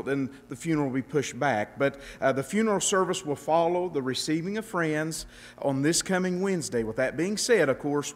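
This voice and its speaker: A male pastor speaks casually from the pulpit, dotting his announcements with "uh" fillers. His voice is a touch high. A long reverb from the sanctuary trails each phrase. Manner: friendly, casual, frequent "uh" fillers. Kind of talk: church announcements.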